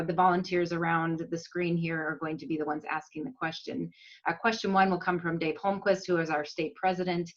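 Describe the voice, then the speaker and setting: A woman's voice: fairly low pitch, highs cut off. A woman moderating a video call meeting with a scripted, formal welcome. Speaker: interview moderator.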